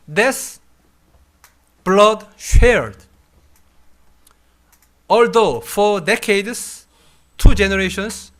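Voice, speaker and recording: A man in his fifties from South Korea with a Korean accent, giving a university lecture in a halting, thoughtful way with frequent pauses. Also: high voice, a bit bright. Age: 50s. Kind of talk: classroom lecture.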